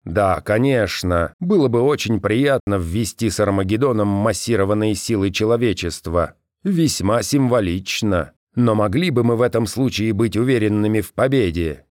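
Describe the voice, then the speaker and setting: A man voicing a brisk, self-assured male commanding general in an audiobook, speaking firmly. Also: lowish voice, expressive, a little mellow, dry recording, clean studio sound, natural voice. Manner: brisk and firm.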